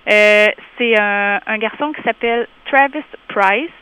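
A woman with a Québécois French accent calling in to a radio show for a community group, talking in a lively way with many hesitations. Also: medium pitch, unhurried, clean tone. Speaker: community organization representative. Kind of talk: casual radio interview by phone. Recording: tinny phone line.

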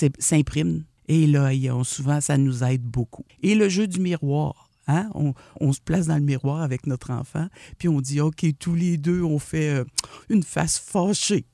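A woman with a Québécois French accent giving parenting advice as a radio columnist, animated and explanatory, often acting out what a parent would say to a child. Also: low-pitched, unhurried, creaky, dry recording, clean studio sound.

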